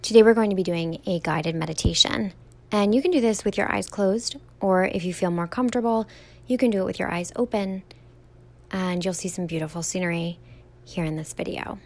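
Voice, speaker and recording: Gentle woman guiding a meditation. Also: on the low side. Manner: slow, gentle, soothing guidance with soft drawn-out words. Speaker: yoga teacher. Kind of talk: guided meditation instruction.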